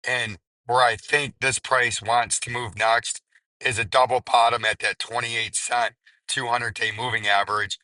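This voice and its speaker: A man hosting a market commentary video, hoarse and raspy, his strained voice nearly gone. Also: medium pitch, little pitch movement, a little slow, bright, forceful tone, no echo, poor audio. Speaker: crypto video host.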